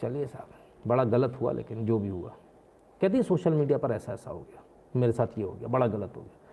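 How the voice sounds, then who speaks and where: A man's voice: medium pitch, expressive, fairly quick, creaky, dark tone, slightly rough. A man hosting a live stream, giving combative, mocking political commentary. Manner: combative and mocking, slips into acted voices. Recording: tinny phone-like sound.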